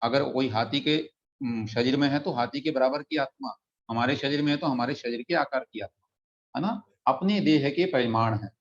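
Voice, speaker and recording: A man teaching a religious text in an online class, patiently explaining pronunciation and slowly chanting verses. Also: medium pitch. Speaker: scripture teacher. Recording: dull lo-fi audio.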